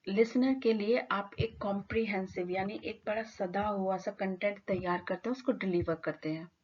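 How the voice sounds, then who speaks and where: A woman teacher lecturing students in a clear, explanatory way, mixing English terms into her speech. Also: mid-range voice, steady tone, normal speed, a little mellow. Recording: slightly dull lo-fi audio.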